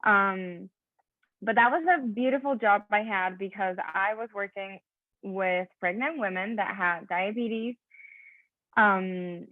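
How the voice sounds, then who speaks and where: Her medium-pitched voice is slow, with a dry, phone-quality sound from a video call. This Venezuelan physician assistant in her thirties, a native Spanish speaker, walks students through her career in an online slide talk, chatty and full of fillers and self-corrections.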